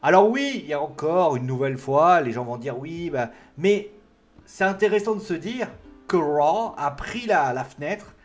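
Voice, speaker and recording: French guy reviewing wrestling, somewhat high voice, lively rambling delivery, faint music underneath. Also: normal speed. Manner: animated, rambling with frequent fillers and restarts. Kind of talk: casual solo commentary.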